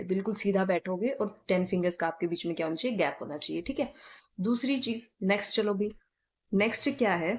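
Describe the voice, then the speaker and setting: A woman with a North Indian Hindi accent teaching typing in a casual spoken tutorial, repeating her points and checking in often. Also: mid-range voice. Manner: repetitive, checks in with "ठीक है"; spells letters out slowly.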